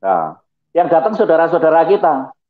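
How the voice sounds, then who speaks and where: A middle-aged man, a pastor giving his testimony in a lively, preachy way with chuckling asides. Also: a little high, moderate pace. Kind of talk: testimony talk over slides. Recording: tinny phone-like audio.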